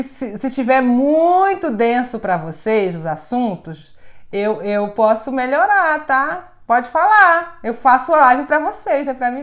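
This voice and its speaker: A woman hosting a live stream as a spiritual teacher, chatting casually, laughing often and talking to viewers by name, recorded on a phone. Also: mid-range voice.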